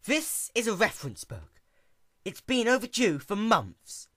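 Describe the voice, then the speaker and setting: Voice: unhurried, no echo, studio quality, full character voice. Someone voicing a furious pony princess, Twilight Sparkle. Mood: controlled anger. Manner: emphatic, swinging from icy calm to booming shouts. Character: furious young female pony princess, exasperated, scolding librarian.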